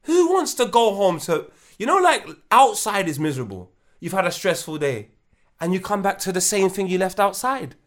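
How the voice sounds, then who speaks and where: A man's voice: high-pitched, moderate pace. A man, co-hosting a podcast in casual chat, a father who tells stories and acts out the voices he quotes. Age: adult with children. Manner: expressive, acts out quoted speech. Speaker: podcast co-host.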